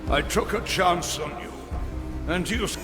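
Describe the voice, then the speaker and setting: An actor playing an ancient, pompous and bitter soul-mage mentor in a video game, speaking formally in a gravelly voice. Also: male voice, sits high. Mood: bitter, reproachful. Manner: pompous, deliberate, formal phrasing. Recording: long cavernous reverb, loud music behind.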